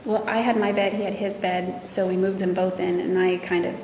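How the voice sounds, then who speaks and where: A woman testifying as a witness, speaking hesitantly with many pauses and fillers, in a courtroom recording. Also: fairly low pitch, little pitch movement, a little mellow. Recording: echoey courtroom audio from far off with noise.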